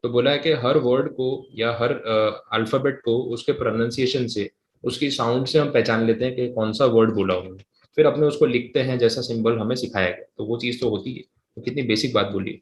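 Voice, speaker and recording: A man teaching a live class, explaining at a casual pace and slowly dictating definitions word by word. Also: medium pitch, reverberant, a little hiss or hum, rough recording. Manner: switches between conversational talk and English reading.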